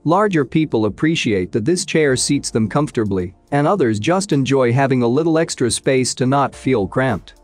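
A man narrating a scripted product review countdown in an even, read-aloud tone. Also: medium pitch, moderate pace, hardly any pauses, no room sound, faint music behind.

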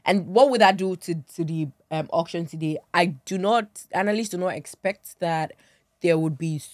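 Low-voiced Nigerian woman presenting business news. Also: moderate pace, dry recording, studio quality. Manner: chatty, laughs easily, many fillers. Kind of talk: studio business news chat. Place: TV studio with seated guests. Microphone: studio mic on boom arm.

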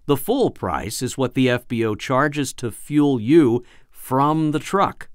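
Male voice-over for a training piece: animated pitch, clear and instructive, recorded dry and close. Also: no room sound. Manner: clear, instructive, measured delivery. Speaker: flight training narrator. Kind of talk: scripted voice-over narration.

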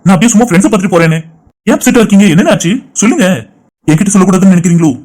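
A man voicing a concerned young man in an animated cartoon, pressing a friend with questions. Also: sits high, very fast.

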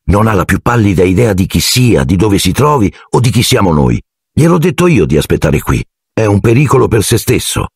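A man voicing an eager, excitable teenage boy in a storybook reading. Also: fairly low pitch, fairly quick, breathy edge, no room sound, clean studio sound, full character voice. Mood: explaining.

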